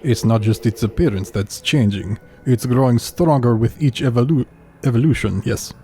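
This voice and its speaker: A man voicing a grave male informant in a put-on Russian accent, reading game dialogue aloud slowly and solemnly. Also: mid-range voice, dark tone, lightly acted.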